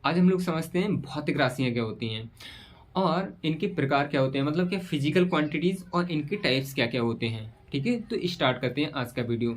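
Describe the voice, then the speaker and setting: A man teaching a physics lesson at a whiteboard, asking questions and answering them himself, repeating key terms slowly. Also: fairly high pitch, lively intonation. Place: room with a whiteboard.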